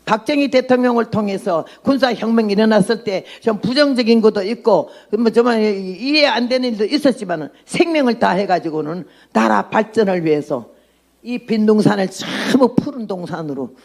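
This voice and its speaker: A woman's voice: medium pitch, expressive, moderate pace, darkish tone. A woman in her eighties, a missionary, giving a blunt and emphatic testimony sermon. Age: 80s.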